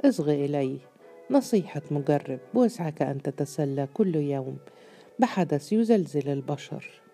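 A man reading the lines of a sly male spirit who tempts the hero with smooth, mocking advice. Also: on the high side, animated, moderate pace, dark tone, soft background music. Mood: coaxing.

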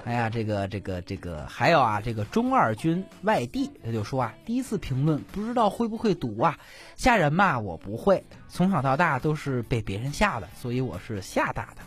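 A man's voice: mid-range voice, sing-song, fairly quick, soft background music. A man co-hosting a comedic chat show, reading listener comments aloud, teasing his co-host and laughing often. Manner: teasing, laughs often, stalls with repeated fillers. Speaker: podcast co-host.

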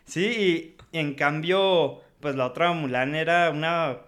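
A man's voice: on the high side, slow, fairly bright tone. A man with a Mexican accent co-hosting a podcast, giving a frank, slangy film review and laughing often. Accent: Mexican Spanish. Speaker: podcast co-host. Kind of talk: casual film review chat.

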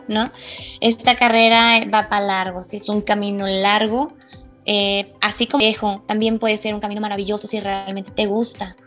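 Young woman from northern Mexico, guest actress, encouraging and direct, bright and a little high. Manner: encouraging, direct advice to listeners. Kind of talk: casual video-call interview.

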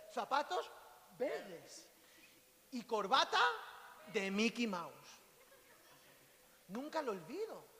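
Un pastor con acento de España que predica contando historias con humor y gritos repentinos. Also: male voice, very high-pitched. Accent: Spain Spanish. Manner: storytelling, sudden loud cries and laughs. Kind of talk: lively sermon with jokes. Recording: long hall reverb, faint hiss.

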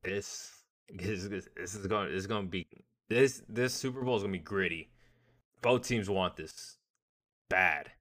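A man's voice: deep voice, moderate pace, a bit bright. A man co-hosting a casual sports podcast, rambling and restarting his phrases, swearing now and then. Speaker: podcast co-host.

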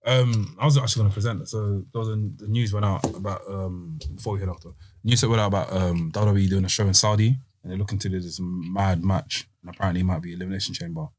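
Male podcast host, London roadman accent, quick and low-pitched, slangy casual banter, close dry sound. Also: steady tone, a little mellow. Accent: London roadman, multicultural London English. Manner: slangy, repeats phrases. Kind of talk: casual wrestling podcast chat.

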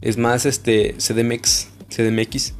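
A man's voice: medium pitch, little pitch movement, a little slow, a little hiss or hum. Rambling young man with northern Mexican accent. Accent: northern Mexican, Juárez. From Ciudad Juárez, northern Mexico. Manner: rambling, loose slangy talk with many "este" fillers. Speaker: podcast host. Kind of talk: casual solo podcast chat.

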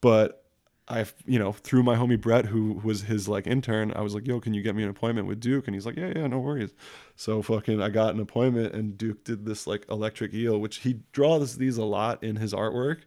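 Young dude rambling thru tattoo stories, gravelly voice, swears a lot, dry close mic. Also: male voice, lowish voice, steady tone, brisk, mellow, no echo. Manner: rambling, slangy, full of "like" and swearing. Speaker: guest telling tattoo stories. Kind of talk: casual chat.

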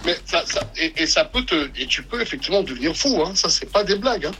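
A man's voice: on the high side, animated, fast, sharp tone. A man in casual chat, talking emphatically and repeating his phrases. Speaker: podcast co-host.

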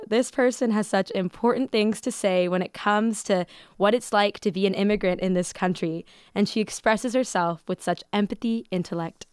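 Smooth, dry-voiced woman podcast host. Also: medium pitch, dry recording. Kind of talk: scripted podcast introduction.

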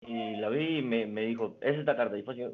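Young man, guest, relaxed storytelling, mid-pitched voice, thin phone-like sound. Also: fast. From Mexico. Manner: relaxed storytelling with many restarts. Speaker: guest, card designer and magician. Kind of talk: casual interview chat. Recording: phone-like narrow band.

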